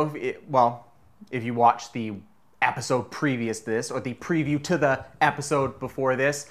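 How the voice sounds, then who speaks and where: This is a male podcast host in a relaxed interview chat. He rambles, backs up, restarts his thoughts and jokes with his guest, with the odd swear word along the way. His pitch sits in the middle range for a man. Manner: loose, rambling, joking, swears now and then.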